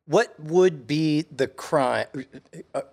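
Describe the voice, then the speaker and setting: A man co-hosting a comedy podcast, talking in a halting way with many restarts and frequent laughs. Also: a little high, creaky, darkish tone. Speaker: podcast co-host. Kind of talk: casual comedic chat.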